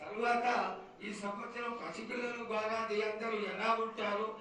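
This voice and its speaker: A very echoey, distant recording with some background noise carries a man's voice. He pleads reverently, like a priest addressing a deity, in a very high pitch. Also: little pitch movement, normal speed, sharp tone. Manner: reverent, entreating. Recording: very echoey, distant, noisy public ceremony.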